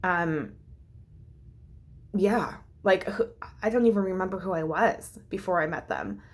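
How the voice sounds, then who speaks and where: A woman's voice: lowish voice, sing-song, a little slow. A woman vlogging a heartfelt, rambling personal update, full of fillers and restarts and close to tears at times. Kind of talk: casual vlog update.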